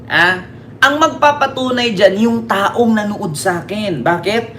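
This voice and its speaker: A man's voice: sits high, a little slow, sharp tone, slight background noise. A man from the Philippines hosting a mocking political commentary stream, taunting his critics, swearing and asking "di ba?" again and again. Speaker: political vlogger and livestream host.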